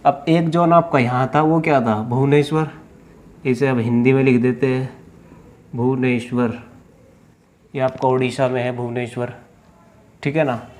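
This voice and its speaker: Man teaching slowly, drawing out words. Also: medium pitch, fairly even intonation, darkish tone. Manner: explains step by step, asks and answers own questions; drawls place names slowly while writing. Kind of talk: classroom lecture at a board. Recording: faint background noise.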